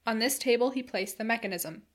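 A woman narrating a classic novel in a measured, steady storytelling voice. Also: a little high. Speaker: audiobook reader.

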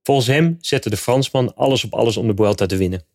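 A man narrating a scripted nonfiction account in a steady, measured reading voice. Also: mid-range voice, dry recording, clean studio sound.

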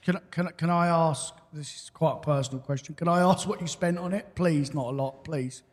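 British guy co-host, high voice, really animated and emphatic, hall reverb. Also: fast talker. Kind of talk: casual stage banter.

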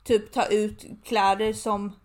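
A woman's voice: mid-range voice, flat delivery, darkish tone. A young woman co-hosting a podcast, telling a story in casual chat, chatty and swearing freely. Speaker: podcast co-host.

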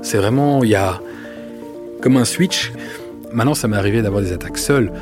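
A man, telling personal stories in an earnest, halting way with many fillers. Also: on the low side, music in the background. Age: 40s. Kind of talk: casual testimony.

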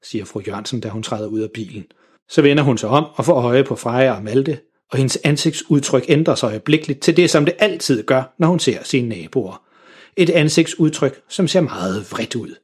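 A man reading a children's story aloud in a lively, expressive way. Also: mid-range voice, breathy edge.

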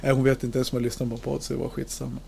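Man, 50s, podcast host, gravelly creak, mellow dark tone, jokey casual chat. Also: mid-range voice, little pitch movement. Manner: chatty, joking, swears casually.

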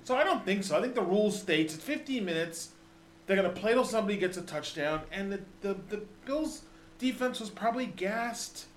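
A man's voice: high voice, lively intonation, brisk, roomy sound. A man co-hosting a casual sports podcast, talking in a rambling way with many restarts. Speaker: podcast co-host.

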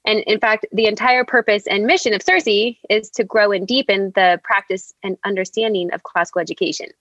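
A woman's voice: medium pitch, brisk, a bit bright, dry recording, dull audio. A woman hosting a podcast, introducing the conversation in a casual, conversational style. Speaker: podcast host.

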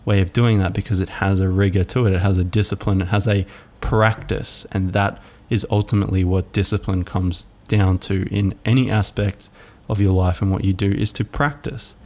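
Low, flat-voiced man musing. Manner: musing, halting, many fillers. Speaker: podcast host. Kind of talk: reflective solo podcast monologue.

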